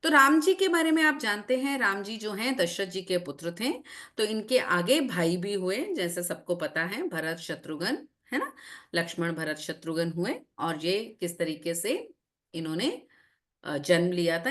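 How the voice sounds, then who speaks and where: A woman's voice: medium pitch, animated, measured pace, fairly bright tone. A woman teaching children in an online class, telling a story and checking in with them often. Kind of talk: storytelling lesson to children on a video call. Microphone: video call.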